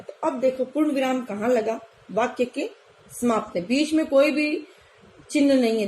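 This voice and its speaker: A woman teacher with a high voice walks her pupils through a recorded lesson. She explains things patiently and keeps asking whether they follow. There is a faint hiss of noise behind her. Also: low-quality recording. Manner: patient explaining, frequent checks "है ना?". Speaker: school teacher. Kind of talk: recorded online class lesson.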